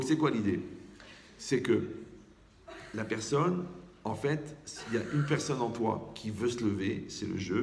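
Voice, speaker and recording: A man, a rabbi, giving a lively Torah class to a live group, asking rhetorical questions and checking that listeners follow. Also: fairly low pitch, creaky, echoey room, slight background noise.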